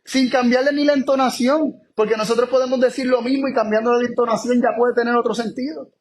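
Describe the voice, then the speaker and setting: A man preaching a Bible study sermon in an emphatic way, repeating key phrases and moving between slow, stressed words and quick asides. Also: extremely high pitch, fairly even intonation.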